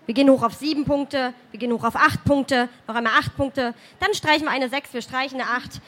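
Woman slam host; high, bright, casual and self-ironic. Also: steady tone, fairly quick. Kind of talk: casual stage hosting. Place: live venue.

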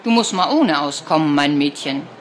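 A woman's voice: low-pitched, expressive, moderate pace, a little hiss or hum, voice pushed down. A woman voicing an aloof old grandmother who lives off-grid, speaking dryly and curtly in a storybook read-aloud.

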